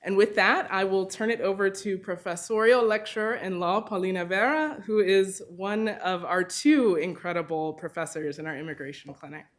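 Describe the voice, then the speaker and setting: A woman's voice: mid-range voice, fairly even intonation, normal speed, few pauses, a little hiss or hum. A woman moderator giving formal opening remarks at an event, upbeat and scripted with a few uh fillers.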